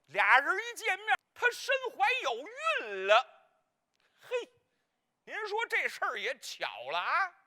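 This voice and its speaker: Comic gossipy married woman, played by a stage performer, Beijing accent, slow drawn-out delivery, bright sharp tone, rambling and bumbling. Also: high voice, heavily acted. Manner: rambling, bumbling, fumbles names. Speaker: clown role in a staged opera. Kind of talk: comic spoken monologue in Peking opera.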